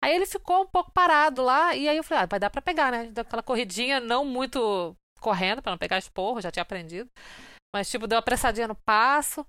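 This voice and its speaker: Fast-talking Brazilian woman, chatty storyteller. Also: on the high side, smooth, no room sound. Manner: lively storyteller, acts out quoted lines. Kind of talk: casual chat.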